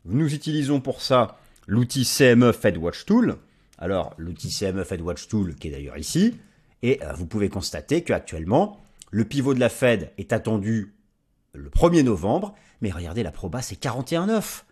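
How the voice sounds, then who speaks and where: Guy doing forex commentary, husky lowish voice, bouncy and emphatic, lots of restarts. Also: normal speed. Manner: lively, emphatic, many restarts and asides. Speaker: market analyst presenting forex video. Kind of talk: market commentary over charts.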